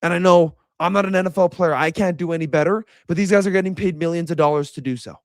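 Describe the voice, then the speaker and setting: A man's voice: high-pitched, quick pace, no room sound, clean studio sound. A young man giving a heated, blunt reaction rant as a sports commentator. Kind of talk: ranting reaction video.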